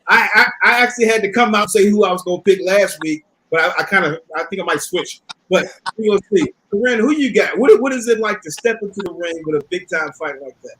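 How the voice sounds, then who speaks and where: A man's voice: sits high, fast, hardly any pauses, pushed and bright, husky, rough recording. A man hosting a casual boxing panel chat, talking informally and repeating phrases for emphasis. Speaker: host.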